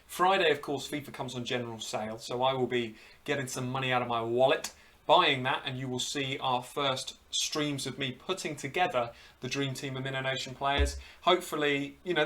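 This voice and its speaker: A relaxed man co-hosting a football show, speaking straight to the viewers in an easy, mid-pitched voice. He talks in a casual, friendly way. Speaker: podcast co-host. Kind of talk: casual chat.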